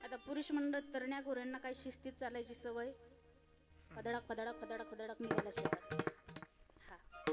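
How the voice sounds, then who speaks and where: A woman preaching a devotional kirtan sermon, telling stories in an animated, dramatic way. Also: sits high. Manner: animated, dramatic storytelling, acting out each figure.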